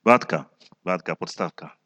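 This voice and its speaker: A man's voice: sits low, measured pace, pushed and bright. A man serving as pastor, leading a church service and introducing a member, with some hesitant restarts.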